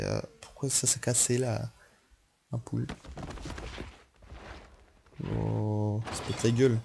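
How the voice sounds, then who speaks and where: A man's voice: medium pitch, vocal fry, darkish tone, slight background noise. Tired young man on a headset mic. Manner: rambling, apologetic, with self-talk. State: tired after little sleep. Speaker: gaming YouTuber. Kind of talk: casual let's-play commentary.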